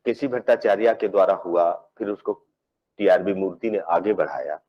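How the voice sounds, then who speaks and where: A man, a philosophy professor, giving a measured academic lecture. He explains step by step, often repeating words as he searches for phrasing, and mixes English technical terms into his speech. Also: low voice, lo-fi sound.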